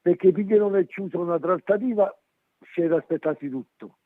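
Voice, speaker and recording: A man's voice: sits high, brisk. A man calling in to a sports phone-in show over a poor phone connection, hesitant and checking whether he can be heard. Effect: tinny poor phone-line connection. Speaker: radio call-in caller. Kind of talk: casual call-in chat about football.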